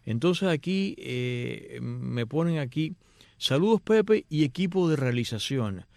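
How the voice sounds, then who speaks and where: A man hosting a radio show, reading listener emails aloud in lively, playful voices. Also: medium pitch, slow pace, creaky, no echo, clean studio sound. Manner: animated, reads emails in playful put-on voices. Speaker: radio host. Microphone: headphones and studio mic.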